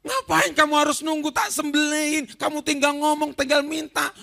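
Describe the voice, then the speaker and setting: A man's voice: very high voice, fairly even intonation, normal speed, vocal fry, bright, forceful tone, pitched above the performer's own voice, heavily acted. A man preaching voices a kindly, indulgent old father. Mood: coaxing.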